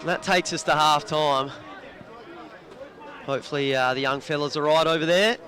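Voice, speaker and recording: A man's voice: on the high side, moderate pace. Australian man calling local footy. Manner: relaxed, chatty play-by-play. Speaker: sports commentator. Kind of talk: local football commentary. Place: commentary box above an outdoor oval. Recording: crowd noise behind the voice.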